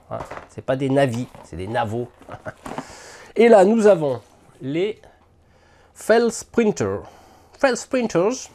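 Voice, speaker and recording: Gravelly-voiced man unboxing miniatures. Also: fairly high pitch, a little mellow, slight background noise. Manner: hesitant, thinking aloud with many fillers. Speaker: miniatures hobby channel host. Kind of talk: casual unboxing talk to camera.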